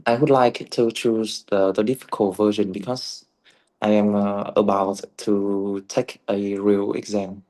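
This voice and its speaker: Slow, hesitant male student. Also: on the low side, flat delivery, a little mellow. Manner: hesitant, with fillers and restarts. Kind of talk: answering in a speaking test.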